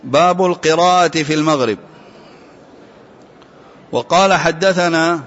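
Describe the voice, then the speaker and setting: A man's voice: on the high side, a bit bright. Man reciting a classical text formally. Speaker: student reading aloud to a teacher. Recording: dull lo-fi sound.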